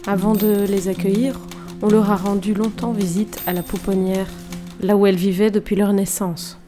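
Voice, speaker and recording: Woman calmly reading narration over music. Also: medium pitch, normal speed. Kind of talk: scripted narration read from a comic.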